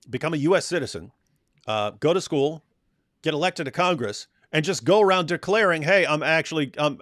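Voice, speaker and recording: A man talks over video clips in loose, mocking commentary, sarcastic and incredulous. His voice sits in an ordinary middle pitch. The sound is dry and close, with no room behind it. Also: fairly bright tone, dry recording. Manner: sarcastic, mocking, interrupts with his own translations.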